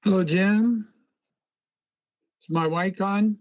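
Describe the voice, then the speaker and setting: Slow high-voiced man on remote call audio. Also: a little mellow, lo-fi sound. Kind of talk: meeting small talk.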